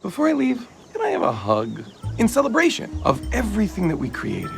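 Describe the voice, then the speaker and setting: A dim, cheerful male oddball, goofy and erratic. His pitch swoops wildly and carries a gravelly edge. Loud music sits under the clip. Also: huge pitch swings, fairly quick, full character voice.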